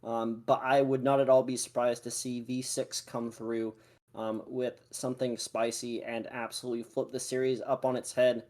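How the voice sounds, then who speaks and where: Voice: medium pitch, little pitch movement, normal speed, darkish tone. An esports analyst giving casual pre-match commentary at the desk.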